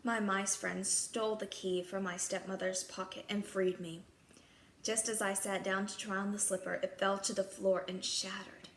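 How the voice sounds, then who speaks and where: In an echoey room with noticeable background noise, a woman narrates a children's fairy tale from a script, speaking as the princess in first person. Her voice sits in the mid range, level in tone, at a moderate pace.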